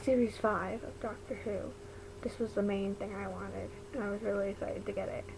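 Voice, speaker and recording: A woman's voice: mid-range voice, steady tone, moderate pace, vocal fry, background noise. A young adult woman chatting casually to camera in her bedroom, rambling informally, her speech slightly impeded by a retainer. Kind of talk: casual vlog chat to camera. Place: bedroom at home.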